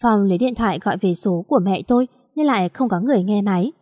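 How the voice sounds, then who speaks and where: A woman reading a story aloud in a steady, even narration. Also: mid-range voice, quick pace, no room sound, studio quality.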